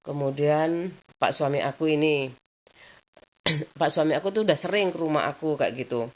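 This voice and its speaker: A low-pitched woman vlogger, talking casually about her own life. She rambles in a chatty way, circling back with the same filler phrases. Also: normal speed. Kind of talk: casual personal storytelling.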